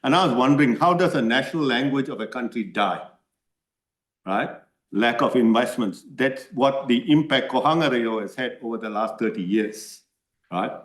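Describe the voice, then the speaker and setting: This man has a medium-pitched, fairly bright voice and speaks at a moderate pace. He is a Malaysian submitter, Tamil by first language, answering committee questions in parliament earnestly, often adding "right?", in an echoey room.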